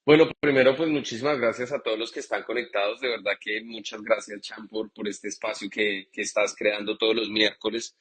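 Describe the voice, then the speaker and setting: A man's voice: fairly low pitch, steady tone, brisk, hardly any pauses, fairly bright tone, husky. A man from Bogotá with a Colombian accent, a guest bartender telling his story in a chatty live interview over a video call. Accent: Bogotá Colombian Spanish. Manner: chatty, frequent fillers and restarts.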